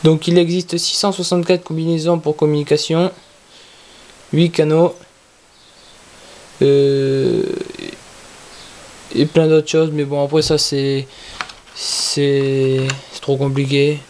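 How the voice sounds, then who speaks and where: A product reviewer talking casually through an unboxing in a halting, repetitive way. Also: medium pitch, flat delivery, a little mellow. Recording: clearly noisy with handling clicks.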